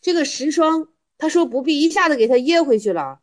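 A woman with a fairly high voice teaches old Zen stories to a group of students. She retells the monks' exchanges and needles her listeners with quick rhetorical questions. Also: animated. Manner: teasing, rhetorical questions, storytelling. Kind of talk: explaining Buddhist koans to students.

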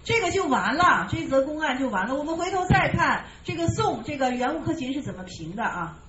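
High-voiced woman giving a Chan dharma talk. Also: sing-song, a bit bright, a little hiss or hum. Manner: chanting verse lines slowly, then scolding rhetorically; repeats phrases insistently. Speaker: Chan Buddhist teacher. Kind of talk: dharma talk explaining a koan verse. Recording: roomy, slightly dull recording.

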